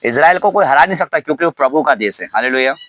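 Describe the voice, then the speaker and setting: A man pastor preaching a sermon, shouting hallelujah often and asking the congregation questions. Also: a little high, animated, fast, no echo, low-quality recording. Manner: preaching with frequent hallelujahs and call-and-response questions.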